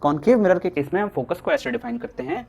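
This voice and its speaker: Lively Indian male teacher, dictating slowly. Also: high voice, gravelly. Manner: asks students questions and answers them himself, repeating key points; slows down to dictate definitions. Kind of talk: whiteboard physics lesson.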